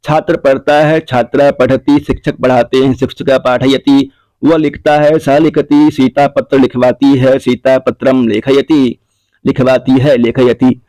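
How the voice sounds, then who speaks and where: A man leads a classroom grammar lesson. He speaks at a very slow, steady pace, dictating answers and saying them again. The recording is dry and close, with no room sound. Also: medium pitch, no room sound. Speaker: teacher.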